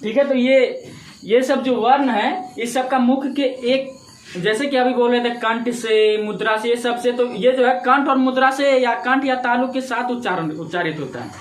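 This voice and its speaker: A man's voice: very high-pitched, moderate pace. A man teaching a grammar lesson, asking questions aloud and answering them himself in a repetitive classroom manner. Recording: echoey room with faint ambient noise.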